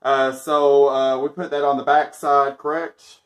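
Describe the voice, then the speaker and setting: In a small room with a starry backdrop, a man in his thirties tests a laundry product and chats about it casually, joking and chuckling a lot. His voice is medium-pitched, level in tone and a little slow, captured on a camera mic.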